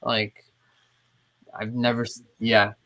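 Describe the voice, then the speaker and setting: A man in casual chat who is short of breath, telling his story in a rambling, animated way. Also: fairly low pitch, slow. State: short of breath while ill. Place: home, in bed.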